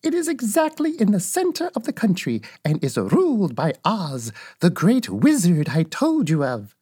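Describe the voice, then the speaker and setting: A woman voicing a kindly, solemn little old witch in a storybook reading, giving slow, gentle, earnest counsel. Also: on the low side, huge pitch swings, slightly rough, voice pushed up, full character voice. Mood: gentle, assured. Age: older.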